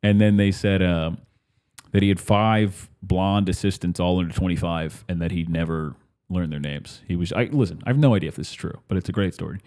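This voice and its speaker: A comedian and podcast host with a deep, darkish voice delivers a casual monologue of rambling stories at a slightly fast clip. He often breaks off mid-sentence and acts out the voices of the people he quotes.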